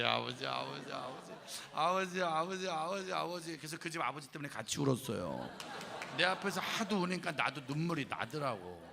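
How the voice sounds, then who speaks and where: A man's voice: on the high side, gravelly, sharp tone, slight background noise. A man in his forties preaching a youth revival sermon as a pastor, telling stories with humor and acting out the voices he quotes. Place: church hall at a youth event. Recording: reverberant church hall.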